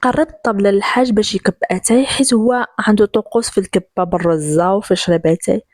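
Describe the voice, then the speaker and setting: A Moroccan woman telling a first-person story, lively and quick to slip into the characters' voices. Her voice sits at a middle pitch. The recording is dry and close to the mic. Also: no echo.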